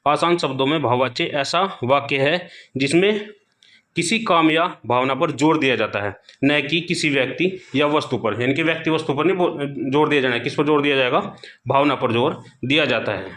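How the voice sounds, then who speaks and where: A man giving a grammar lesson for exam students. He asks questions aloud, answers them himself, and slowly repeats each key point. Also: fairly high pitch, a bit bright. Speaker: Hindi grammar teacher.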